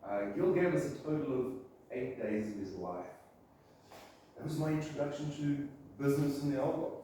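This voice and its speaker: A Zimbabwean print shop owner in his fifties, with a South African accent, tells a business group his story in a chatty, rambling way full of ums and restarts. His mid-range voice has lively intonation, a warm tone and normal speed. A distant mic picks him up in an echoey room with faint noise.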